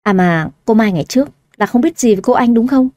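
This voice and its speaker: A woman's voice: a little high, animated, a little fast, mellow, no room sound, studio quality, lightly acted. A woman voicing a bold young woman who poses as a lost daughter and talks bluntly and sharply. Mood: teasing.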